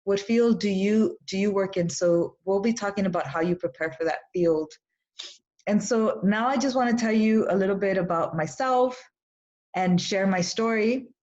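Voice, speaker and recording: In slightly dull lo-fi webinar audio, a young woman hosts and coaches at a moderate pace, her medium-pitched voice a little mellow. She is from Los Angeles, grew up with Spanish, and encourages listeners while frequently restarting her phrases.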